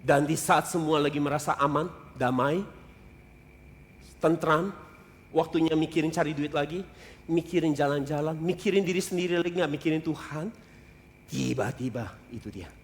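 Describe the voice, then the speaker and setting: A male pastor preaching a sermon in casual Indonesian, animated, jumping from loud exclamations to hushed asides. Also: on the high side, moderate pace, a little hiss or hum. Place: church hall. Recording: long hall reverb.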